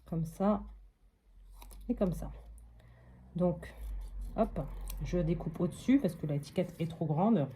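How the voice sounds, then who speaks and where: Crafting vlogger, woman from France: slow, low-pitched, narrates each step casually with fillers. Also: expressive, dark tone, slight background noise.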